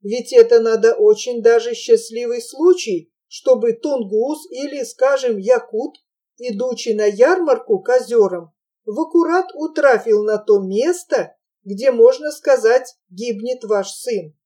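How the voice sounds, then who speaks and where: A woman's voice: fairly high pitch, unhurried, warm tone. A woman voicing a talkative male fish merchant who speaks in a folksy, wordy way.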